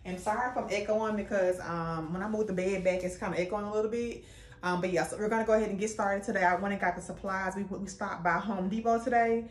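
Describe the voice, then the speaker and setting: A woman's voice: mid-range voice, fairly even intonation, fast. A woman doing a casual DIY how-to vlog, chatting and explaining each step while her voice echoes around a bare bedroom. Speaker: DIY vlogger. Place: bedroom with the bed moved away.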